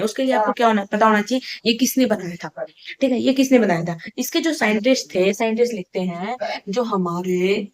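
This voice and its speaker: A woman teaching an online class in a casual, chatty way, asking and answering her own questions and mixing in English terms. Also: mid-range voice. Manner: mixes English terms into speech.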